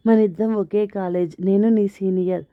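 A woman's voice: medium pitch, steady tone, moderate pace, dry recording, close to an everyday voice. A woman voicing a friendly young suitor, tinny phone-like sound. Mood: earnest. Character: confident young man courting a bride.

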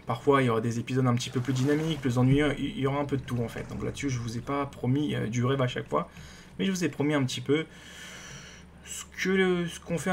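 Male gaming YouTuber, mid pitch, casual and excitable, rambles; faint noise floor. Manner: rambling, excitable, many fillers and restarts. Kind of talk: casual gameplay commentary.

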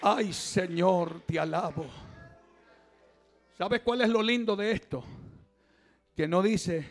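High, gravelly impassioned male preacher. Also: slow, soft background music. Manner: impassioned, calls out to the congregation. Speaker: pastor. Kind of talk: Pentecostal sermon. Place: church service.

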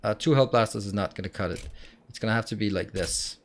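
A man's voice: lowish voice, quick pace. Man muttering casual game commentary. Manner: thinking aloud, muttering. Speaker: gamer. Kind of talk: casual let's play commentary.

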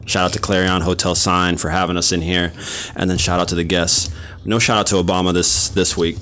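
A man in his thirties hosting a casual podcast chat in a small studio, playful and quick to tease, on a studio microphone. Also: low voice, level tone, bright, forceful tone, slight background noise. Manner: playful, teasing, quick to laugh. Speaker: podcast host. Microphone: studio condenser mic on boom arm.

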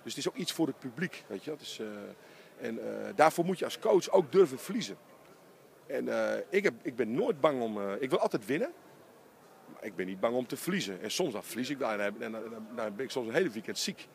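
This is a middle-aged man, a basketball coach, in a post-game interview inside an empty arena, with the handheld mic held close. He sounds animated and emphatic, speaking in quick bursts in a mid-range voice with vocal fry, over slight background noise.

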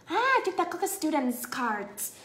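A woman with a Vietnamese accent teaching English to children, speaking slowly and repeating words so pupils can echo them. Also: high voice, animated, a bit bright. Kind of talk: bilingual lesson for children.

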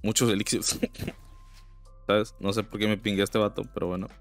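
A young man with a Mexican accent gives casual, slang-filled commentary over his own gameplay, breaking into sudden high exclamations and griping about teammates. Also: little pitch movement, normal speed, soft background music. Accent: Mexican Spanish. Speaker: gaming streamer.

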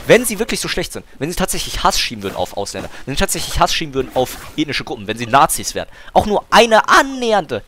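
A young man streams a game and chats casually, arguing his point in slang and pushing on when he's interrupted. His voice sits on the high side and sounds a bit bright, with slight background noise.

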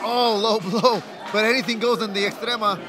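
A man giving excitable, exclamatory live play-by-play as a lucha libre announcer in a wrestling venue. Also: high voice, fairly quick. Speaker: wrestling commentator. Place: indoor wrestling venue, near the ring. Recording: loud crowd and noisy arena ambience.

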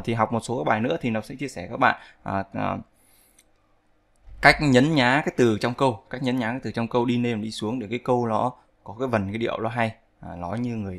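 Gravelly male teacher. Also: fairly low pitch, a bit bright. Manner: repeats phrases slowly for drilling; patient, instructive. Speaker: English teacher. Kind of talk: online language lesson.

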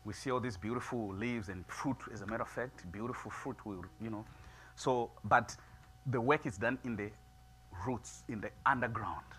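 A middle-aged man preaching a sermon in a small church, moving from quiet musing to loud, emphatic preaching. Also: mid-range voice, moderate pace. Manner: builds from soft musing to loud preaching, gestures widely. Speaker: pastor. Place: small church sanctuary, seated before altar flowers.

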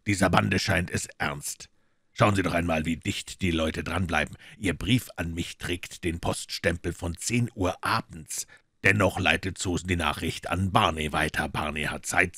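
A man doing Sherlock Holmes, low and dry. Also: a bit bright, husky, no echo, heavily acted. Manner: low, measured, dryly ironic. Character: Sherlock Holmes, cool calm detective, man.

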